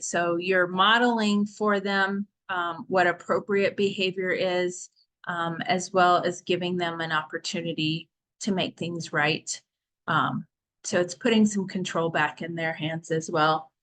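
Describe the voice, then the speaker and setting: Slow, low-voiced woman counselor. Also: low-quality recording. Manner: calm, measured and explanatory. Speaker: counselor and adoptive parent. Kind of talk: training talk.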